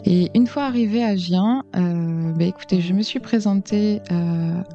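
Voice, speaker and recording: A woman being interviewed as a guest, speaking earnestly and reflectively about herself in a halting way. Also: on the low side, warm tone, dull audio, faint music behind. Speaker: interview guest, decorative painter. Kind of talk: radio interview, personal account.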